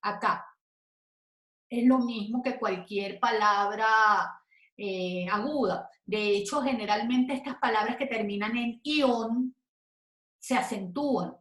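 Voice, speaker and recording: Woman teacher going thru a grammar lesson real slow, drawing words out, bit high voice. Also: fairly bright tone. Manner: slow, careful, stretching example words syllable by syllable. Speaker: Spanish teacher. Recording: echoey room.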